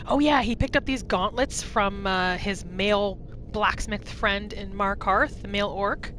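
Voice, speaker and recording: Speaking a little slowly in a mid-range voice, this female gamer narrates her own roleplay playthrough in a playful, expressive way, talking to herself and to the game. Video game music plays underneath, and there's a faint hiss or hum.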